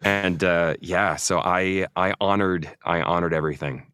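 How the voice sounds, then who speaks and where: A man's voice: sits low, steady tone, measured pace, a bit bright, clean tone, no echo, clean studio sound. A man in his forties from Norway, an actor guest chatting casually and telling self-mocking stories in an interview. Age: 40s.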